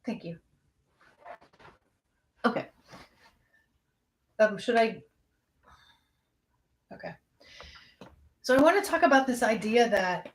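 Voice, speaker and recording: A young adult woman speaks as a counselor, candid and conversational. Her pitch sits in the middle range, and she talks straight to her listeners about coping with worry. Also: fairly bright tone. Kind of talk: casual talk on anxiety.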